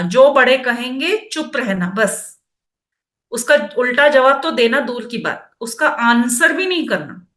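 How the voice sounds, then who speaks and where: A woman's voice: a little high, fairly bright tone. Chatty middle-aged woman in a roomy space. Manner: chatty, mixes Hindi with English phrases. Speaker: personality development teacher. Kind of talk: self-help talk. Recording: roomy echo.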